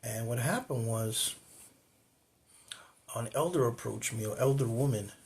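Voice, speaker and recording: A man's voice: medium pitch, a little slow, darkish tone. A man hosting his own cultural video channel, telling a personal story in a casual, rambling way, with many repeats and restarts, recorded indoors facing the camera.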